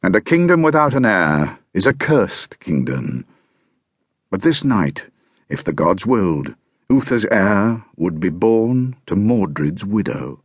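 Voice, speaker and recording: A man narrating a historical novel audiobook in a measured, grave first-person storytelling manner. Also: on the low side, very animated, slightly rough, no room sound.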